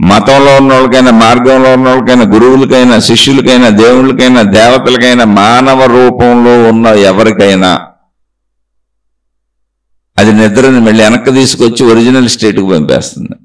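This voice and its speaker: A man's voice: mid-range voice, poor audio. A man teaching as a spiritual teacher, delivering a spiritual discourse in rhythmic chains of repeated phrases and rhetorical questions to the listener.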